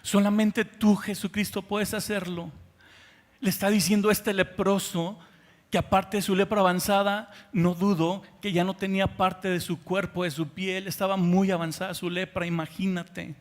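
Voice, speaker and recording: A man with a Mexican Spanish accent preaches from the pulpit in a fairly high, lifted voice. His delivery moves between quiet, intimate stretches and swelling, emphatic appeals. The sound carries a long reverb of a large hall. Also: little pitch movement, normal speed. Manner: impassioned preaching, swinging from soft to loud. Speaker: pastor. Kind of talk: sermon.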